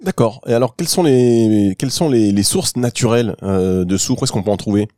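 A man's voice: mid-range voice, brisk, dark tone, dry recording, clean studio sound. A man hosting a radio interview, chatty and bantering with his guest. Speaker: radio host.

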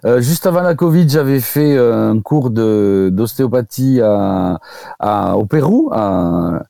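A man's voice: medium pitch, lively intonation, slow, gravelly, warm tone, no echo, clean studio sound. A man, a guest doctor, chatting casually on a radio show and hesitating with many fillers and restarts.

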